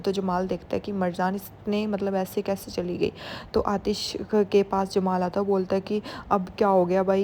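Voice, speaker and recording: A woman's voice: medium pitch, warm tone, a little hiss or hum. A young woman casually retelling the scenes of a drama series in a chatty, informal way, with fillers and English words mixed in. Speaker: series recap narrator. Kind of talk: casual spoken story recap.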